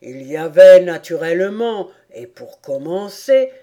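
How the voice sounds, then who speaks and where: A sobbing, lamenting mock turtle from a storybook, read by a woman who puts her on, dragging her words slowly and loudly. Her tone sits low and soft-edged, and she sounds both woeful and easily offended. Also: lively intonation. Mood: mournful. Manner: slow, mournful and loud, turning indignant. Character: sad, sobbing mock turtle with a calf's head, female.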